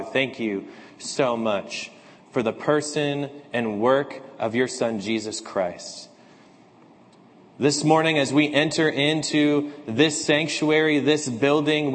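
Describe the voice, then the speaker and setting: In a church sanctuary with a big-room sound, a slightly hoarse pastor with a medium-pitched voice reads scripture, prays and gives announcements. His delivery is measured and earnest.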